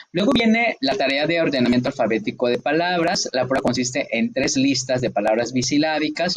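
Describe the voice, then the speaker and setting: A man's voice: medium pitch, slight background noise. A man teaching a lesson, explaining a test procedure step by step and checking often that his listeners follow. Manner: patient, repeats checks with listeners. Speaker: instructor.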